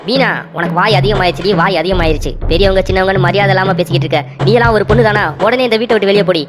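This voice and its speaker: A woman's voice: mid-range voice, very fast, noisy background, natural voice. A woman voicing a doting grown son in a cartoon, melodramatic and pleading. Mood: scolding.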